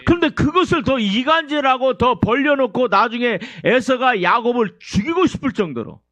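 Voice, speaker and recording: A man's voice: very high voice, lively intonation, normal speed, fairly bright tone, dry recording, lo-fi sound. A male pastor preaching a sermon, full of rhetorical questions to his congregation.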